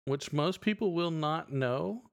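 A middle-aged man co-hosts a podcast, his slightly high, gravelly voice moving at an unhurried pace. The talk is casual chat, and he rambles in a relaxed, loose way with plenty of fillers.

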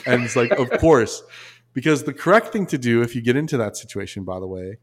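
A man, a podcast guest, telling a story in a casual, animated way, full of restarts and asides. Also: mid-range voice, fairly quick, slight background noise.

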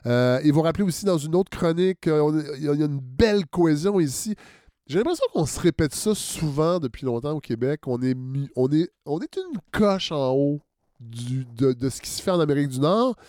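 A man hosting a podcast interview, chatty and agreeable, often backing the guest with quick yeses. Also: on the high side, expressive, warm tone, no echo, studio quality. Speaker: podcast host. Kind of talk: conversational interview.

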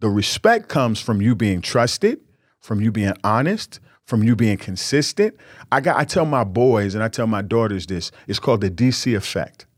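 Earnest low-voiced man giving marriage advice. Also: big pitch swings, normal speed, no room sound, clean studio sound. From New York. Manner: earnest, preachy and candid, with repeated emphatic words. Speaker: podcast host.

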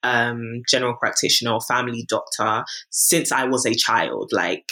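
A woman's voice: extremely low pitch, moderate pace. A young woman in her twenties, candidly recounting a personal health story as a podcast guest, acting out the people she quotes. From Britain. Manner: candid, animated, acts out quoted voices.

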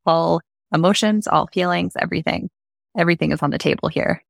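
Low gravelly woman podcast cohost, affirming, dry close sound. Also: brisk, dry recording. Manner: warm affirming, gently emphatic. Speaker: podcast co-host. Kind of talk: casual chat.

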